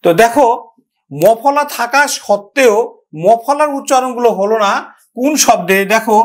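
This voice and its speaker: A man teaching a pronunciation lesson, talking directly to students and repeating example words slowly. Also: extremely high pitch. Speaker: Bengali language teacher. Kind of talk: classroom-style grammar lesson.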